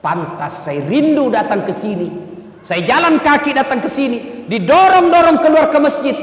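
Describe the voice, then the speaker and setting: A man voicing a revered old male scholar who speaks solemnly and in a hushed tone, in a told story within a sermon. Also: very high-pitched, very animated, normal speed, distant mic, pitched above the performer's own voice. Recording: echoey hall with faint ambience.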